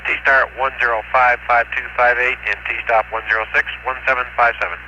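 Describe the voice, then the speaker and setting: A man's voice: medium pitch, flat delivery, brisk, pushed and bright, lo-fi sound, a little hiss or hum. A man, an astronaut, reading back procedures to mission control over an archival space radio link. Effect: space radio transmission.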